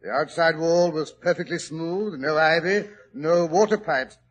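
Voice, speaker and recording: Doctor Watson, a measured narrator. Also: male voice, fairly high pitch, lo-fi sound. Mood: explaining. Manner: measured, explanatory. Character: doctor, patient explainer. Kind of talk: 1940s radio acting. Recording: old radio broadcast recording.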